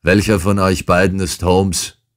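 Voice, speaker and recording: A man voicing a huge, brutal older man in an audiobook, talking in a rude, shouting, insolent way. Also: low voice, moderate pace, pitched above the performer's own voice, lightly acted. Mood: insolent, angry. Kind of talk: audiobook character reading.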